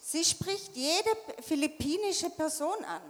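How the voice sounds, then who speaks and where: A woman from Tyrol with an Austrian German accent, telling a church testimony in short phrases and pausing for an interpreter. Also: high-pitched, animated. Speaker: church member giving testimony. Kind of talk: sharing a personal story in short phrases for an interpreter. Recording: echoey hall with long reverb.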